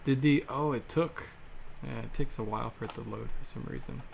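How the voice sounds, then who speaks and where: Man, gravelly voice, casual livestream host, crude joking banter, faint background hiss. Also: mid-range voice, brisk. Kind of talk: casual chat.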